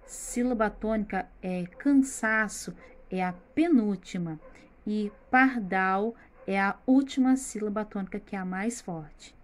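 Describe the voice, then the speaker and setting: A woman with a Brazilian Portuguese accent, a primary school teacher giving a recorded remote lesson, who patiently stretches out words and speaks straight to the children. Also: mid-range voice. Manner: patient, slowly spells out words and addresses the children directly.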